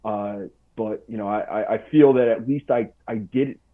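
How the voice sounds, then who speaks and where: A man's voice: on the low side, fairly even intonation, moderate pace. A man in his forties, a podcast guest, telling a story in a casual, slangy way. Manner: laid-back, slangy, full of "dude" and "bro". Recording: tinny phone-like line.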